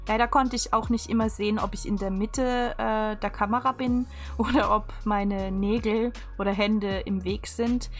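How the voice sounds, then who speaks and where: Woman, mid-pitched, casual tutorial voice-over, chatty unscripted narration, faint instrumental music behind. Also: steady tone, normal speed. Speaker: video creator.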